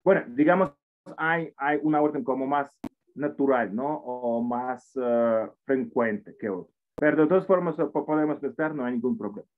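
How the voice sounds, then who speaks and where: A man's voice: mid-range voice, normal speed. Man teaching over a tinny line. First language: Russian. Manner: explanatory, frequent tag questions and restarts. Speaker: language teacher. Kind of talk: online English class taught in Spanish. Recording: tinny phone-like audio over a call.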